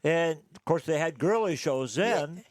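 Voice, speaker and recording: An older man tells rowdy, profane stories about his old crew with plenty of gusto. His voice sits a little high. The recording is dry and close. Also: lively intonation, unhurried, no echo. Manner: rowdy, profane yarn-spinner who laughs at his own tales. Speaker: guest recalling old times. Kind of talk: casual storytelling.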